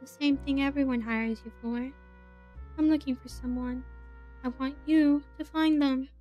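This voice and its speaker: A woman voicing a tall, composed female witch who speaks in a cool, measured, formal way. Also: high voice, muffled recording, soft background music, lightly acted. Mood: detached. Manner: calm, measured, formal phrasing.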